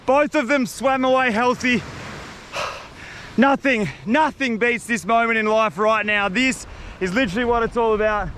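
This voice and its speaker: Very high-voiced, excited Australian man outdoors. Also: smooth. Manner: exuberant, exclaiming, slangy. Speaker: fishing vlogger. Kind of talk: excited, casual fishing vlog talk. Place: outdoors on a beach at night. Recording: noisy outdoor mic, wind and water.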